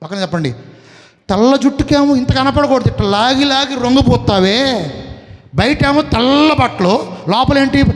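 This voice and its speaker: A man's voice: extremely high pitch, expressive, moderate pace. A man with a Telugu accent, preaching a sermon and throwing questions to the congregation for them to answer. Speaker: pastor. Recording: long reverb of a hall.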